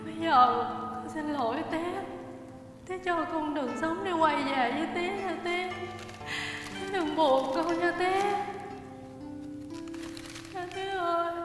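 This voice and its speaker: A woman's voice: extremely high pitch, unhurried, pauses often. An actress playing a beaten-down young wife, sobbing and begging her father's forgiveness in wailing, half-sung phrases. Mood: tearful pleading. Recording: roomy distant film sound with reverb and music.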